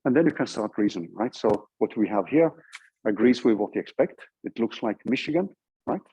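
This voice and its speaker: With a Norwegian accent, a man walks his audience through code in a casual university lecture, explaining each step and pausing to check in. He speaks briskly in a lowish, dark, husky voice with lively intonation, and the audio is dull.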